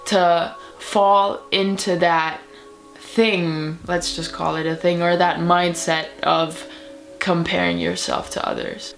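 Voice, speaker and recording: A German woman, whose first language is German, speaks English in a motivational vlog she creates. Her medium-pitched voice is creaky, and her tone is earnest and encouraging, with soft laughs.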